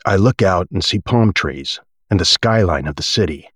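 A man reading a first-person memoir aloud as an actor would, in a measured, deliberate way. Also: sits low, expressive, a bit bright, breathy edge, dry recording, clean studio sound. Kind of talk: audiobook-like dramatic reading of a memoir.

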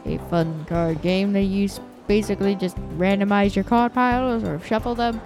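Woman doing a flustered toad ad reader, over loud music. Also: medium pitch, fairly even intonation, normal speed, lightly acted. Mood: bossy. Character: toy toad reading a sponsor segment.

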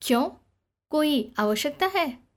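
A woman's voice: high voice, animated, takes it slowly, pitched above the performer's own voice. A woman voicing a cool young man who questions in a probing, faintly mocking way.

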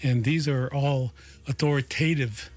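A male radio host speaking slowly and thoughtfully, often repeating words as he searches for the next phrase. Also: medium pitch, fairly even intonation, darkish tone. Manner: slow, searching, repeats words while thinking. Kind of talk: radio interview.

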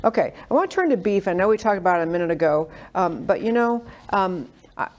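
A woman's voice: fairly low pitch, very animated, fast, a little mellow, dull audio. A woman from New York hosting a conversational political interview, speaking in an opinionated, discursive way. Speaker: interview host.

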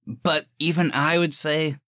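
A man's voice: fairly high pitch, level tone, a little slow, bright, forceful tone, no room sound, clean studio sound. A man hosting a casual film review chat, talking in an informal, enthusiastic way. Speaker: podcast host.

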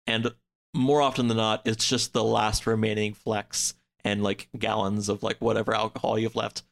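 A gravelly, fairly low voice with little pitch movement, he speaks at normal speed. As a casual podcast guest, he rambles through a story told in loose pieces, saying "like" a lot.

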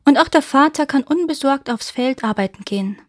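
A woman's voice: high voice, lively intonation, fairly quick, dry recording, studio quality, voice pushed up. A woman reading a fairy tale, voicing a magical lizard girl who commands and warns intruders. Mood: calm. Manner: commanding, calls out sharply.

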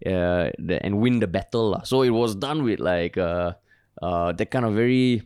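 A Singaporean man co-hosting a podcast in casual, bantering Singlish. His voice is slightly low and cleanly resonant, recorded close and dry, with easy informal particles at the ends of his phrases. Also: normal speed, darkish tone, clean tone, no echo. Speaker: podcast co-host.

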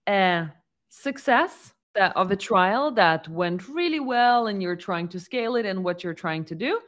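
A woman at a middle pitch whose voice swings widely up and down as she hosts a podcast. She steers the conversation in an animated, friendly way. The talk is casual and unscripted. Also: unhurried. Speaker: podcast host. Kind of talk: casual chat.

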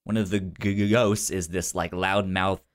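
A man co-hosts a laid-back film review podcast, talking informally and haltingly with a frequent stutter that repeats sounds and syllables. His voice sits low and his tone stays steady.

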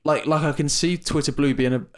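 A man's voice: on the high side, steady tone, brisk. Laid-back man with an Essex accent. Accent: Essex English. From England. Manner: explanatory, patient, laid-back. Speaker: podcast co-host. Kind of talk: casual podcast chat.

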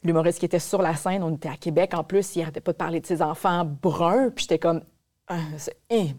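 A woman's voice: lowish voice, quick pace, darkish tone. A woman with a Québécois accent, speaking candidly and reflectively as a podcast guest. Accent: Québécois French. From Quebec. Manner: reflective, candid, with frequent fillers. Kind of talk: casual podcast conversation.

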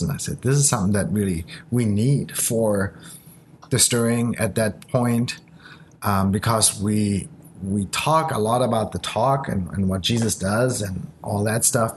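A man born in Japan and raised in Germany, speaking English as his third language and sharing a halting, earnest testimony in casual conversation. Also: on the low side, slight background noise. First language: not English.

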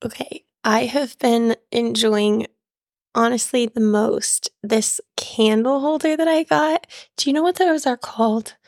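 A sick woman co-hosting a podcast in casual chat, her voice hoarse and squeaky with a cough. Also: a little slow, no echo, clean studio sound. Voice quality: squeaky, broken voice. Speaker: podcast co-host.

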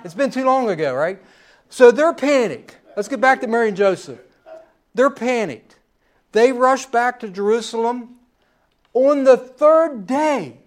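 A man's voice: extremely high pitch, expressive, unhurried. A middle-aged man preaching a sermon in a folksy storytelling way, with personal asides.

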